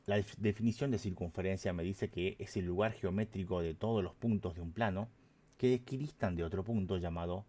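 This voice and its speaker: Low, mellow male math teacher. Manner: patient, checks in with a constant "¿sí?". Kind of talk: recorded online math lesson.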